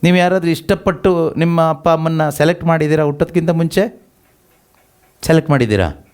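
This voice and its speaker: A man's voice: fairly high pitch, a little fast, a little mellow, clear, resonant tone. A man preaching a sermon, asking the congregation rhetorical questions and repeating scripture lines after them. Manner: has the congregation read verses aloud and repeats each line after them.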